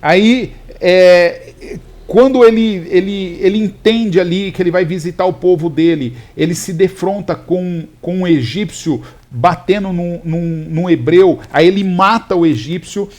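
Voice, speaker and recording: A male pastor explaining scripture in a casual chat, telling it with animated restarts and fillers. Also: sits high. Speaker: pastor, podcast co-host.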